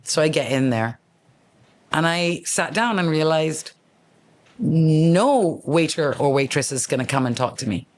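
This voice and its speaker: A middle-aged man hosting his own show, telling stories in a lively, casual monologue and acting out the people in them. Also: on the high side, unhurried. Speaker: host, former radio host.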